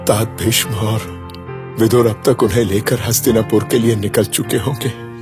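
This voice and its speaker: A man's voice: fairly low pitch, fairly even intonation, moderate pace, close to an everyday voice. An actor playing a king who comforts his wife in a soothing, reassuring manner in an audio drama. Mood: consoling. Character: consoling king, husband of the queen. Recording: music bed underneath.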